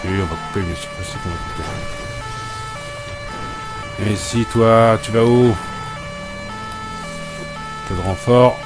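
A man's voice: on the low side, slow pace, long pauses, over loud music. A man giving comic role-play commentary over gameplay, scolding and exasperated in a joking banter. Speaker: gameplay video creator.

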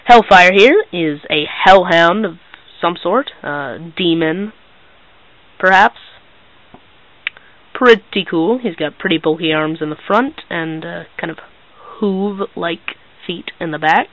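A teenage boy giving a casual hands-on toy review in a hesitant, halting, low-key way. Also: a bit bright, poor audio. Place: small bedroom, indoors.

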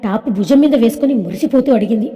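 A woman narrating a family drama story in a lively, chatty way. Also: on the high side, quick pace. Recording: echoey reverb.

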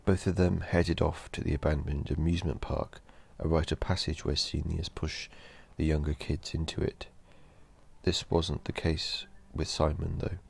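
A man narrating a horror story in a slow, measured storytelling delivery. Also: extremely low pitch, little pitch movement, creaky, a little mellow, slightly rough.

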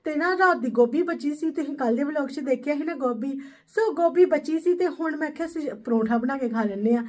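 A woman's voice: high voice, fairly quick, darkish tone. A woman with a Punjabi accent chatting casually for a home vlog, chirpy and exclaiming, dropping English phrases into her talk. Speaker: daily vlogger.

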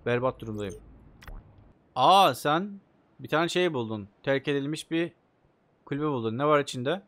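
A young man playing a video game, commenting excitedly and joking as he talks to the characters on screen. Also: mid-range voice, moderate pace. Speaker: gaming YouTuber. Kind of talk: let's play commentary.

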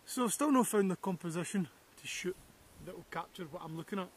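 A Scottish man with a slightly high voice talks straight to the camera as he walks a snowy hillside, eager one moment and musing the next. A faint hiss from the outdoor camera mic sits under his voice. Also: lively intonation, fast talker. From Scotland. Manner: enthusiastic, reflective, talks to camera while walking. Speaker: landscape photographer vlogger. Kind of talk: outdoor walking vlog.

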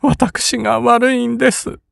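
A man's voice: a little slow, vocal fry, no echo, heavily acted. A man voicing a tearful young woman from a samurai household who sobs and begs her older brother not to go. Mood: tearful pleading. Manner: high, sobbing, begging. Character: young samurai-family sister, tearful, pleading.

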